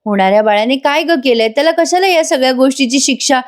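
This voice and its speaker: A woman voicing a young man who gently soothes his crying sister. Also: sits high, animated, fast, pitched above the performer's own voice. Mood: soothing.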